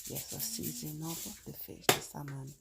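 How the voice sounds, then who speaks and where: A woman's voice: low-pitched, flat delivery, normal speed, gravelly. A woman with a Jamaican accent casually narrating each cooking step as she works, repeating herself as she explains. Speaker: home cooking vlogger. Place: indoor home kitchen at counter and sink. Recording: noisy home kitchen recording with handling sounds.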